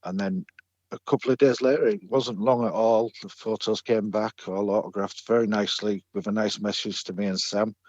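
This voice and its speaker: A man's voice: fairly low pitch, steady tone, brisk, a little mellow, dry recording, muffled recording. A middle-aged man telling a personal story as a podcast guest, chatty and hesitant, with many fillers and restarts. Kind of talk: storytelling in a casual interview.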